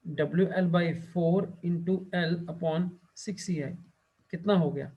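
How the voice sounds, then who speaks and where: A male teacher lecturing a class, who keeps asking the students questions and fills his pauses with the same short check-in phrase. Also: fairly high pitch, mellow, lo-fi sound. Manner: quizzes students and fills pauses with "theek hai".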